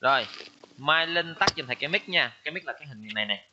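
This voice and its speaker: A man's voice: on the high side, lively intonation, fast talker. Man, teacher, online class, patient drilling, dull lo-fi sound, audible noise. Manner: patient, repeats words for drilling. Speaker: English teacher.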